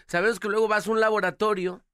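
A man's voice: sits high, little pitch movement, fast talker, pushed and bright, clean tone, dry recording, studio quality. A man with a Mexican accent co-hosting radio from a booth, reading news and adding chatty asides. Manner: chatty, comments on stories with asides. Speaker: radio co-host.

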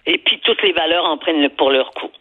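A woman's voice: low-pitched, brisk, slightly rough. An older woman with a Québécois accent calling in to a radio talk show, emphatic and opinionated, often repeating words as she searches for them. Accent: Québécois French. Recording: tinny phone line.

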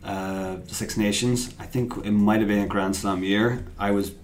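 A man's voice: lowish voice, fairly even intonation, normal speed. A man, a podcast guest telling a self-mocking story in casual chat. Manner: chatty, self-mocking anecdote teller.

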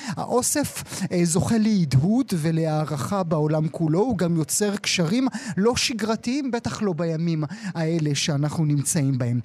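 A man's voice: sits high, a little mellow. A man hosting a live show, introducing and questioning with restarts and self-corrections. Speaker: radio show host.

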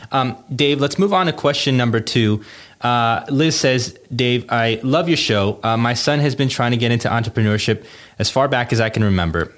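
A man co-hosting a podcast, casually reading out listener questions. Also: mid-range voice.

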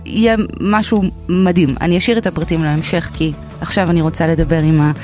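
A woman hosting a parenting podcast, gently prompting her guest with short questions. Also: lowish voice, steady tone, soft background music. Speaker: podcast host. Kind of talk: podcast interview.

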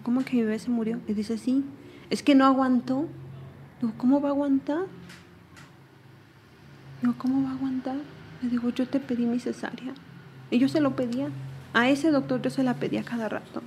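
A woman's voice: on the high side, dark tone, slight background noise. A young woman with a Mexican accent giving personal testimony in an interview, earnestly retelling events and often repeating herself.

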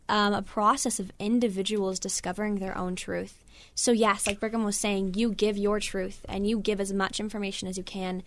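Teen girl panelist, composed and confident, mid-pitched, dry studio sound. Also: dry recording. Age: teens. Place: radio studio.

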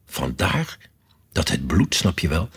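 A man reading a storybook aloud and voicing a scatterbrained, fussy queen who talks in a breezy, sing-song way and breaks into shrill cries. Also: huge pitch swings, unhurried, breathy edge, full character voice. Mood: smug.

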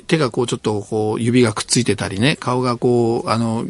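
A man's voice: mid-range voice, level tone, a little fast. An older man hosting a radio talk show, giving emphatic commentary in bursts with many tag particles. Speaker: radio host.

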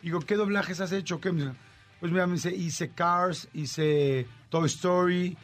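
Animated Mexican man telling a story. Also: sits high, a little slow, faint music behind. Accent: Mexican Spanish. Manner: animated, acts out dialogue with shifting voices. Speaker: radio host and voice actor. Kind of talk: casual storytelling chat.

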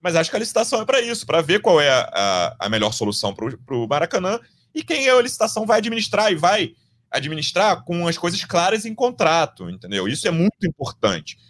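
A man's voice: high-pitched, very animated, quick pace, a bit bright. A man with a Brazilian Portuguese accent hosts a casual football podcast, giving emphatic, colloquial opinions and repeating his points to drive them home. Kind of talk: casual opinionated sports discussion.

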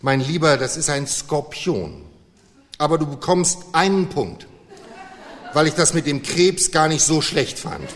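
A man voicing a kind, patient father who speaks softly and gently to his son, read aloud on stage. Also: a little high, sing-song, unhurried, in a large hall, slight background noise. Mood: gentle. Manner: gentle and soft-spoken.

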